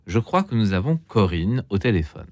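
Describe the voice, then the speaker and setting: A man's voice: fairly low pitch, sing-song, moderate pace, a little mellow, dry recording, clean studio sound. A man hosting a live radio phone-in, chatting with callers in a joking, self-deprecating way.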